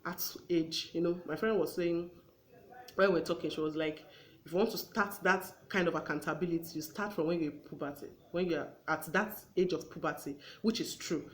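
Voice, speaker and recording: A woman's voice: lowish voice, a little fast. A woman hosting a conversational talk show. She gives earnest advice and acts out everyday exchanges as she goes.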